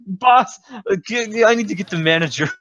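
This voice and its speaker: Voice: mid-range voice, animated, moderate pace, fairly bright tone, highs cut off. A person playing a polite, patient cashier in a prank role-play over voice chat, keeping a formal service tone.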